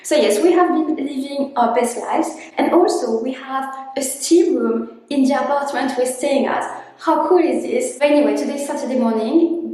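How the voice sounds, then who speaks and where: A woman's voice: high voice, dark tone, roomy sound, low-quality recording. A woman chatting informally to her running vlog, telling things in a casual storytelling way. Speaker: running vlogger.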